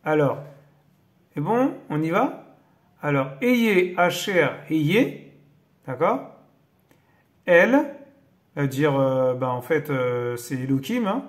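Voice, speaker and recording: Male host, fairly high voice, reads aloud and keeps interrupting himself with awed exclamations. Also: big pitch swings, takes it slowly, pauses often. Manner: interrupts his reading with amazed exclamations; hesitant, many fillers when explaining. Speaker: Bible-teaching video host. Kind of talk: casual religious commentary reading aloud.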